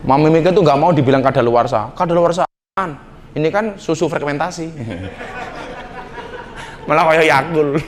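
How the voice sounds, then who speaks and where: A middle-aged man with a Javanese accent gives a joking sermon to a live nightclub audience in the hall. His voice is a little high and moves at normal speed, with frequent pauses. He teases the crowd and slips Javanese slang into his talk.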